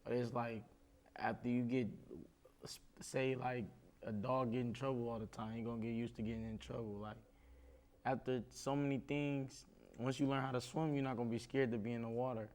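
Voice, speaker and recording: Young man from East Oakland, gravelly, flat delivery, searching for words. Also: mid-range voice. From East Oakland, California. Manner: halting, searching for words, many "like" fillers. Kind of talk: candid group discussion.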